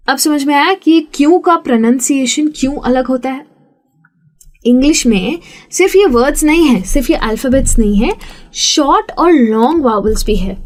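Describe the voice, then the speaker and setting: Woman, English teacher, patient explanations, slow demonstrated words, slightly high voice. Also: a little mellow. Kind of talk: spoken English lesson.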